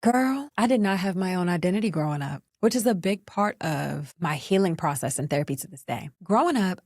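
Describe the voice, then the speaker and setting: A woman in her thirties hosts her own storytelling podcast, speaking. She tells her story with sass and animation, addressing her listeners as "girl." Her voice sits low and the close recording is dry. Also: no echo. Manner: animated, sassy, talks straight to listeners as "girl". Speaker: podcast host.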